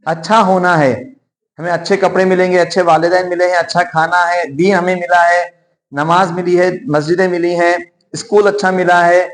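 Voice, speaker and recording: A man with a notably high voice leads a class of children. He explains, then repeats his questions and waits for the children to answer. His way of speaking is patient and encouraging, as in a classroom. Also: little pitch movement, normal speed. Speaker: Quran teacher for children. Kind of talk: classroom teaching in call and response.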